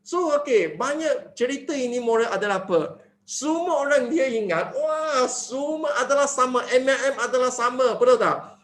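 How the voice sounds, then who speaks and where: A man giving an animated sales presentation, often asking his listeners rhetorical questions. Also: very high-pitched, moderate pace, reverberant, slight background noise. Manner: animated, mixing in English phrases, asks rhetorical questions. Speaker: network marketing presenter.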